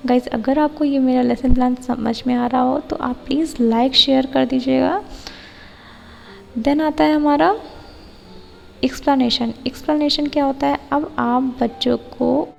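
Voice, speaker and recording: A woman with an Indian accent explaining a lesson plan as a tutor, reading English lines out slowly. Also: sits high, steady tone, vocal fry, a little mellow, big-room sound, faint music behind, poor audio. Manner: explanatory, slow read-outs of English lines. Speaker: teacher-training tutor.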